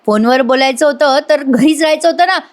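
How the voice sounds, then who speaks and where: A stern female jail guard barks curt reprimands, as a woman reader puts her on. The voice sits fairly high, clipped and scolding. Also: fairly quick, close to an everyday voice. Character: harsh female jail constable.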